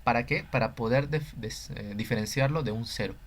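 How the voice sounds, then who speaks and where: A man's voice: mid-range voice, brisk. A man with a Peruvian Spanish accent giving a recorded lecture on scientific writing, talking hesitantly with frequent fillers and self-corrections.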